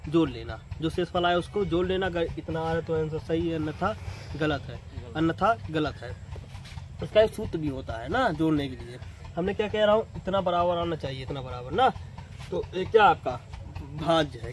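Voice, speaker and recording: A man teaches basic math in a casual classroom manner, talking straight to the students. He repeats each point and ends lines with a questioning "na." His voice is on the high side, and the audio is poor.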